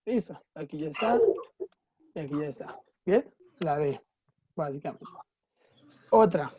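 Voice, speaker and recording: A woman's voice: sits low, lively intonation, unhurried, dark tone, a little hiss or hum. A woman teacher, patiently explaining a grammar rule in an online class and checking often that students follow. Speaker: English teacher.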